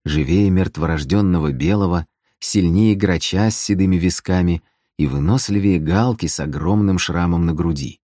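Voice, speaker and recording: A man narrating a fantasy audiobook in a measured, even storytelling manner. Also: low voice, no echo, clean studio sound.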